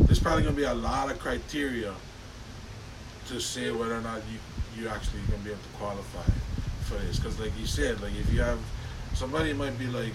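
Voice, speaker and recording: A man in casual chat, rambling with lots of fillers and the odd swear word, recorded on a distant mic with loud wind noise. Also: medium pitch.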